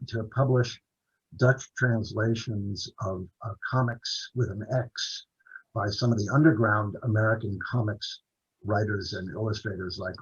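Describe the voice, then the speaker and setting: A man with a lowish, slightly rough voice, heard through dull audio. He's an author and translator appearing as an interview guest over a video call, a native English speaker who tells long, rambling stories full of restarts and fillers.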